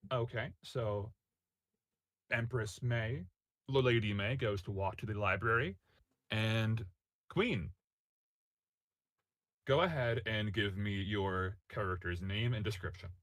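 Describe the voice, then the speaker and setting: A man narrating a tabletop game as game master, halting and correcting himself at times. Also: lowish voice, fairly bright tone, no room sound.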